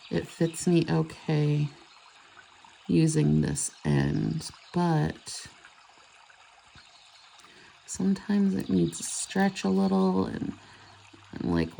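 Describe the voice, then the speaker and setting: A woman's voice: lowish voice, gravelly, warm tone, a little hiss or hum. A woman chatting casually and rambling as she does her nails. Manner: chatty, rambling, self-correcting. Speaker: nail vlogger. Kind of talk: casual chat while doing nails.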